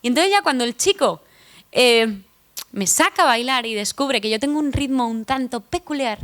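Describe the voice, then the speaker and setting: A woman's voice: fairly high pitch, animated, normal speed, a bit bright. A young woman with a Madrid Spanish accent giving a humorous talk on stage. She tells personal stories in a chatty, joking, self-deprecating way and turns to the audience with asides. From Spain (Madrid). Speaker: conference speaker. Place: conference stage before an audience.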